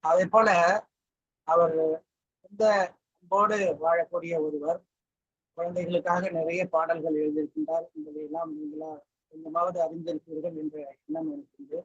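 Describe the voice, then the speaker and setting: A man with a high voice speaks in a slow, oratorical way. He is heard over a bad internet connection, so the low-bandwidth video call audio sounds muffled and keeps breaking up. The sound is dry and close, with no room echo. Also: lively intonation, slightly rough. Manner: measured, oratorical delivery. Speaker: guest speaker at an online event. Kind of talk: formal commemorative speech.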